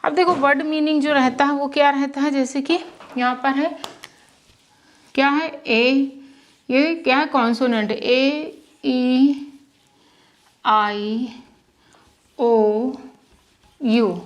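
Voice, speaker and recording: A woman teaching English pronunciation at a whiteboard, often asking a question and answering it herself and repeating sounds slowly. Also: high voice, fairly even intonation. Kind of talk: whiteboard lesson in Hindi. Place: classroom with whiteboard.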